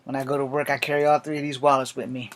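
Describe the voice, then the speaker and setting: A man's voice: medium pitch, flat delivery, rapid-fire, a bit bright. A man in his late forties, an army veteran, speaking a blunt, profane and defiant personal monologue to camera. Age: 40s.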